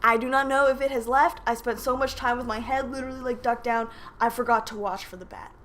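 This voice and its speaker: A young woman, a podcast host, telling a dramatic story in a lively, casual way with many asides, from her apartment. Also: fairly high pitch, quick pace, a little hiss or hum. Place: apartment living room with sliding door open.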